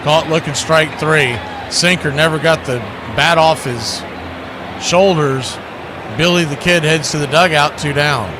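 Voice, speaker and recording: Unhurried and steady in tone, a man whose voice runs on the high side calls live radio baseball play by play with colorful, folksy wording. There's clear outdoor ambient noise in the background.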